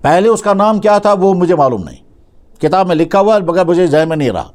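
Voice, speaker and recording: A man's voice: sits high, lively intonation, a little mellow. A man preaching a storytelling sermon, retelling a story and acting out its dialogue with conversational restarts.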